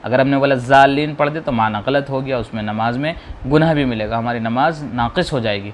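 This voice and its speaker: A man teaching how to read the Quran, slowly drawing out each letter sound and patiently explaining how to pronounce it. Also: mid-range voice, a little hiss or hum. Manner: slow, drawn-out modeling of sounds, explaining patiently. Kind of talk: spoken lesson on letter pronunciation.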